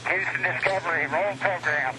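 A man's voice: fairly high pitch, normal speed. A man on a spacecraft crew giving clipped, procedural readbacks over a crackly, distant radio downlink. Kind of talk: terse mission radio callouts. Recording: noisy distant radio transmission.

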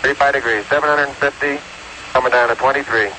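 A man's voice: mid-range voice, steady tone, bright, forceful tone. Man calling out numbers over crackly radio. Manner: brisk, clipped callouts of numbers. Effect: crackly over-the-air radio transmission. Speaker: astronaut calling out readings. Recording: noisy archival radio link.

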